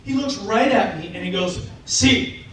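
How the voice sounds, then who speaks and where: A man from South Dakota doing a stand-up comedy set with animated, self-mocking storytelling on a club stage. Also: high voice, normal speed. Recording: echoey club from far off, loud noise.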